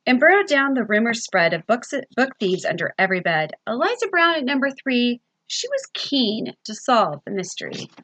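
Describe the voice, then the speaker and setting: A woman librarian reading a picture book aloud to children, with expressive sing-song storytelling and questions to her young listeners. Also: a little high, normal speed, hardly any pauses, poor audio.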